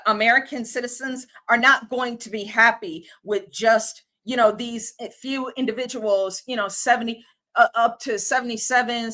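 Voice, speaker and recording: Bright high-voiced woman ranting. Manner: casual, exasperated, slangy with fillers. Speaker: livestream host. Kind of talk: ranting livestream commentary.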